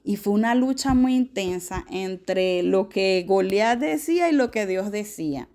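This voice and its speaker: A woman's voice: medium pitch, lively intonation, a little slow, a little mellow. A young woman giving an earnest, fervent personal testimony. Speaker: testimony giver.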